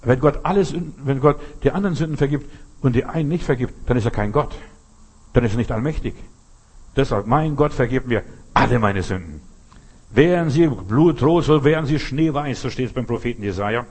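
A man's voice: medium pitch, expressive, a little fast, darkish tone, husky. A man preaching a sermon, emphatic and speaking straight to the listener with rhetorical questions.

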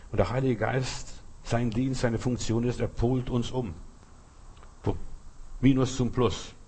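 A husky-voiced man in his fifties or older, whose first language is Lithuanian, delivers a sermon. He drives each point home with repetition and talks straight to his listener, at a middle pitch. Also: a little mellow. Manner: emphatic, repetitive preaching that addresses the listener directly. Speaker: preacher.

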